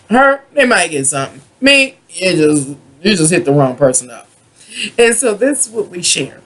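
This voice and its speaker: A person from the United States giving a rambling, drunken tarot reading as a monologue, halting, drawing out words and repeating points in a raspy voice. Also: mid-range voice. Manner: self-described drunken ranting, halting with drawn-out words and repetition. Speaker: tarot and astrology reader.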